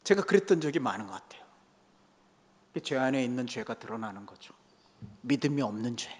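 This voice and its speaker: A man's voice: medium pitch, animated, fairly quick, a little mellow. An older male pastor preaching a Sunday sermon, emphatic and repeating key phrases for weight. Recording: reverberant church hall.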